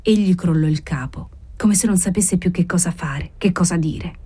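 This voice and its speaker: A woman reading a dramatic novel aloud as an expressive audiobook narrator. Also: on the low side, moderate pace, husky.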